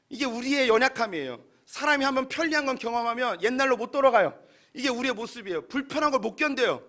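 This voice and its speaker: A man's voice: extremely high pitch, fairly bright tone. A male pastor giving a sermon in a conversational, emphatic way to his congregation in a church.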